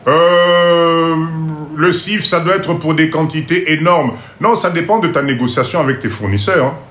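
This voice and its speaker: A man giving a live class on import-export, going slowly, repeating each point, checking that everyone follows, and joking about his own English. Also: on the high side, fairly bright tone, roomy sound. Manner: mixes in Lingala phrases and jokes about his English. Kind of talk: live online lesson.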